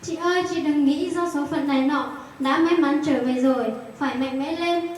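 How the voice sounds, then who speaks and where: A woman's voice: high-pitched, moderate pace, a little hiss or hum, close to an everyday voice. A woman playing a polite community worker, very echoey. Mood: encouraging. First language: Hmong. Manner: polite, advising. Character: earnest female community media worker. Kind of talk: amateur skit acting. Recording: very echoey, from a distant mic.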